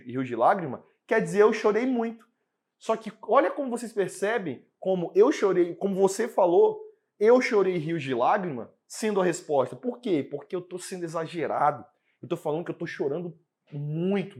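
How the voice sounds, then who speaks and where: Lively Brazilian male prep teacher. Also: high voice, normal speed. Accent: Brazilian Portuguese. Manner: lively, chatty, asks the class questions. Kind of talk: exam prep lesson.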